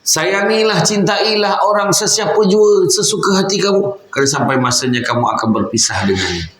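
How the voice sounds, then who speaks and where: A male preacher voicing an angel's solemn counsel, recited slowly in a raised voice. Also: sits high, expressive, a bit bright, roomy sound, voice pushed up.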